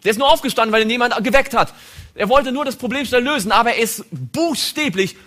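Very high-pitched and fast, a man preaches a sermon while dramatically acting out biblical dialogue. He swings between loud emphasis and hushed tones.

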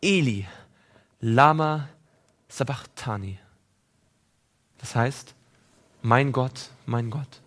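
A man preaching a sermon, reading scripture and speaking directly to his listeners, moving between raised, emphatic passages and hushed ones. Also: medium pitch, extremely slow, pauses often. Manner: addresses listeners directly and personally; reads scripture aloud within the sermon.

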